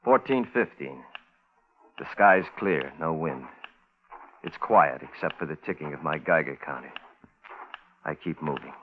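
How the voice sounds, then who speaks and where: In a radio suspense drama, the lead actor and narrator plays a terse Navy photographer stranded alone on a bomb-test island, delivering first-person log narration in a deep, clipped, grave, measured voice. The mood is grave and tense, and the vintage broadcast recording is muffled and noisy.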